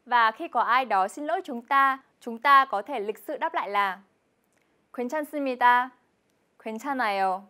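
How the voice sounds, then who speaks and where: A young woman with a slightly higher voice leads a scripted television language lesson. She explains each grammar point patiently and repeats every example word clearly. Her delivery stays steady and measured. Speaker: Korean language teacher co-host.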